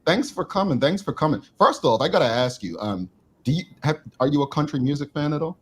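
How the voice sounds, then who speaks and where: A man's voice: fairly high pitch, animated, a little fast, a little hiss or hum. A man co-hosting a casual talk show, chatty and joking with his guest.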